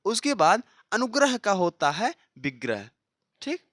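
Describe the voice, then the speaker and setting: An animated Hindi exam-prep teacher, pitch swinging widely, works through practice questions, reading each option aloud as a question and checking in often with a quick "okay." Key answers get repeated slowly for drilling. The sound is close and dry, with no room tone or echo.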